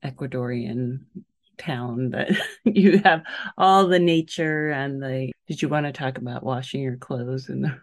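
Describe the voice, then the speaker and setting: A woman's voice: a bass voice, unhurried. A woman co-hosting a podcast, chatting casually and laughing often. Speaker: podcast co-host. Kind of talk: casual interview chat.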